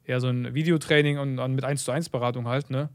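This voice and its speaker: A man's voice: medium pitch, fairly even intonation, fast, dry recording. A young man, an entrepreneur guest, telling a rambling anecdote in casual chat, full of fillers and tag questions.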